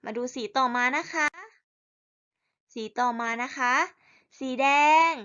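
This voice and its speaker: Slow, bright-voiced teacher for small kids. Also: female voice, high-pitched, clear, resonant tone, highs cut off. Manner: slow, drawn-out call-and-response to children. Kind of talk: teaching young children.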